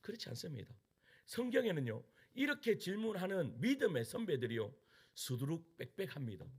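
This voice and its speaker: A man's voice: a little high, very animated, fairly quick, husky. A male pastor preaching a sermon, questioning the congregation with emphatic delivery.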